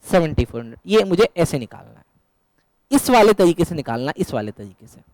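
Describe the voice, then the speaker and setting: A man's voice: a little high, big pitch swings, brisk, darkish tone, poor audio. A man teaching an accounts class to students in a classroom. He quizzes them often and jokes along the way. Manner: joking, quizzing students, mixing English terms. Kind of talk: classroom lecture.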